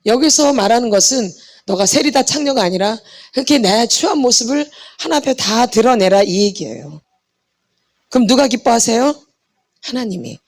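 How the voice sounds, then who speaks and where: A middle-aged woman preaching a sermon on healing, fervent and full of rhetorical questions to her congregation. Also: a little high. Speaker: pastor's wife and healing ministry lecturer.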